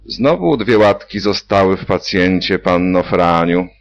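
A man's voice: very deep voice, wildly swooping pitch, unhurried, gravelly, fairly bright tone, exaggerated voice. A man voicing a breezy, joking male surgeon. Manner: jokey, breezy. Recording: dull lo-fi recording.

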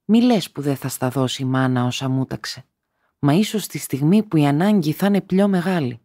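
A man's voice: a little high, expressive, mellow, no room sound, clean studio sound. A man reading a story aloud and voicing a young woman who is tender at times and bitter at others, speaking emotionally and rising to cries. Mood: hopeful. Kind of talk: audiobook character reading.

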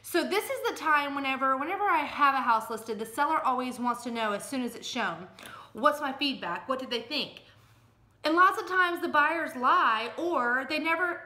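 Emphatic and plain-spoken, a middle-aged American real estate agent offers folksy, casual advice straight to camera. Her voice sits high with a sharp tone, and the small furnished indoor room, at home or an office, gives the recording an echoey sound.

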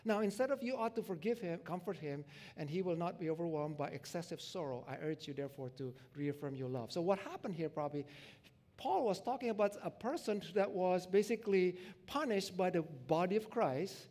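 A male pastor preaching a sermon in a conversational way, full of fillers, moving between loud emphasis and quiet asides. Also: high voice, expressive, brisk. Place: church.

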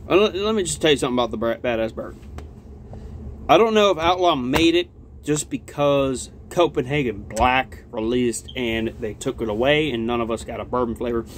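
A young man rambles through a casual vlog review, swearing freely and talking around a lip full of dip. His voice sits at a middle pitch. He is recorded indoors near the camera, with some noise in the background. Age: young adult. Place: small cluttered log-walled room, indoors.

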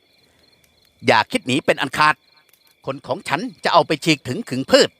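Man playing a menacing male kidnapper, slow threats, lively pitch, dry sound. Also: no echo. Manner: slow, low-voiced threats.

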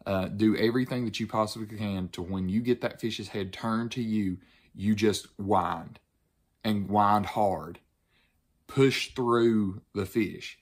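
A man's voice: on the low side, slow pace. Laid-back young man explaining fishing. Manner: relaxed, conversational, frequent ums and you-knows. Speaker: fishing channel host. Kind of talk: casual to-camera explanation. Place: living room with couch, indoors.

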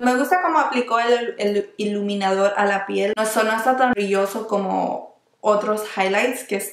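A young adult beauty vlogger reviews makeup products while applying them, chatting casually, often restarting words and slipping into English terms. Her mid-range voice moves at normal speed, recorded in an echoey small room with faint music behind.

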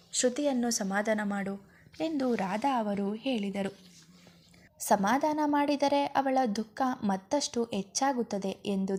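A woman telling a serialized story in a steady, descriptive way. Her voice is warm and mellow, pitched a touch high. She unfolds each scene at an even, unhurried pace.

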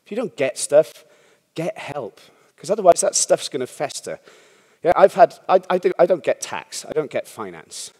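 A man with a fairly high, husky, slightly mellow voice speaks at a moderate pace and sounds very animated. He's a startup founder giving a candid, rambling conference talk, swearing casually and often checking in with the audience with a "yeah?". The conference hall gives the recording a long reverb.

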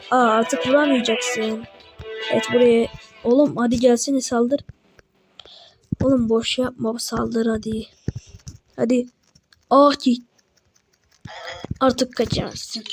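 A woman giving casual let's-play commentary as a gaming YouTuber, chatty and excitable, bantering with the game in slang. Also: on the high side, poor audio. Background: game music.

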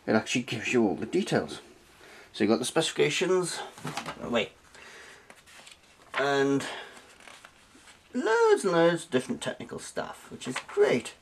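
There's a little hiss or hum as a medium-pitched British man, host of a retro tech review channel, walks informally through a hands-on tutorial. He talks chattily from a desk in a small, cluttered indoor room.

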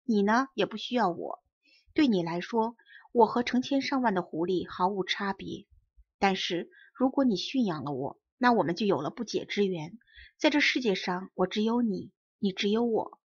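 A woman voicing a wise, calm fox who patiently explains things in a storybook reading. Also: mid-range voice, moderate pace, breathy edge. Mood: earnest. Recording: dull lo-fi recording.

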